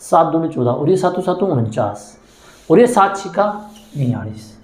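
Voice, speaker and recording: A man's voice: fairly high pitch, animated, moderate pace, a little mellow. Male teacher, Haryanvi accent, repetitive classroom lecture, echoey room. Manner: chants times tables, repeats phrases. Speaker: maths teacher. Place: coaching classroom.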